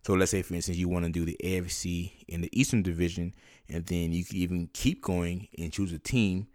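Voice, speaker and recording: A man's voice: low voice, flat delivery, a little fast, darkish tone, dry recording, clean studio sound. A man hosting a podcast, talking conversationally and instructionally, as if directly to one listener. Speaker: podcast host.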